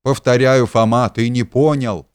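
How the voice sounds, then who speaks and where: A man voicing a kindly middle-aged gentleman who pleads and shouts in agitation. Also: medium pitch, unhurried, dry recording, studio quality, lightly acted. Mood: agitated.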